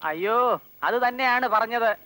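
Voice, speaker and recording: An actor playing a scheming man who flatters and wheedles others in a film comedy. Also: very high voice, moderate pace, clear, resonant tone. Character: fawning, fast-talking scheming man. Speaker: schemer arranging a music teacher. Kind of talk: 1990s film comedy dialogue.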